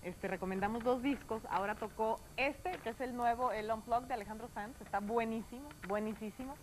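Woman TV co-host, higher-pitched, chatty, faint background hiss. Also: fairly quick, poor audio. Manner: chatty, animated when reading, acts out shouted story lines. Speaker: TV show co-host. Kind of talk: casual TV chat and reading aloud.

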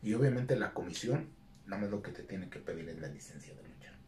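Recorded from off the mic in an echoey space with slight background noise, a middle-aged man talks in a low voice, a little fast. He has a Mexican Spanish accent and is a retired lucha libre wrestler guesting on a casual interview. He recounts stories with animation, voicing the characters' quoted dialogue himself.

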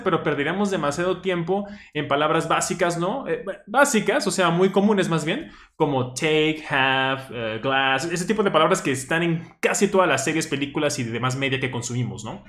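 A man who stutters now and then, explaining a study deck in a relaxed, thinking-aloud way. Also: on the high side. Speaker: language teacher reviewing a study deck. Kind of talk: casual explanatory commentary. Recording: roomy echo.

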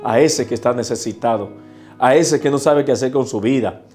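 A man's voice: mid-range voice, a little fast, darkish tone, echoey room, soft background music. A man, a priest, leading an intercessory prayer with fervent, repeated invocations.

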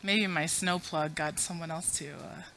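The Afghan-born conference speaker, a woman in her thirties, has a low-pitched voice with a steady tone, normal speed and a fairly bright quality. Her podium mic picks up a little hiss or hum, and the recording is rough. She chats with a full room, pokes fun at herself and takes audience polls.

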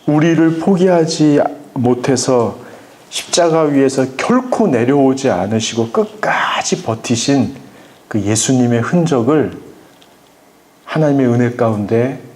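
A pastor lecturing parents in an animated, emphatic way, acting out voices as he speaks to a live audience. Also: mid-range voice, unhurried. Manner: emphatic, acts out quoted voices, often says "막".

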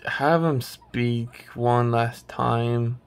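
A man's voice: medium pitch, steady tone, drawn-out words, smooth. A man hosting his channel, chatting casually while ranking a tier list, rambling and hesitant with many restarts. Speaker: channel host.

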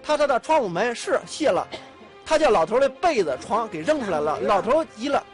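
A man's voice: extremely high pitch, big pitch swings, a little fast, soft background music. A man speaking up from the audience of a mediation show, scolding with repeated rhetorical questions. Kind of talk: heated interjection.

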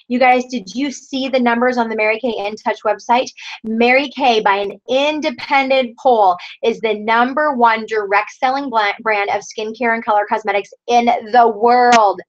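Brisk, upbeat woman coaching her sales team. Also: fairly high pitch. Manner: energetic, encouraging, keeps addressing the group as "you guys". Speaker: sales director leading a team training. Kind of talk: upbeat team training talk. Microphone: video call. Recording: dull lo-fi video call audio.

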